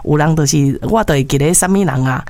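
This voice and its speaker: On a casual call-in radio chat mixing Mandarin and Taiwanese Hokkien, a female co-host with a Taiwanese accent speaks fast, colloquially and emphatically, leaning on repeated phrases and frequent tag particles. Her voice is low and slightly mellow, with no echo.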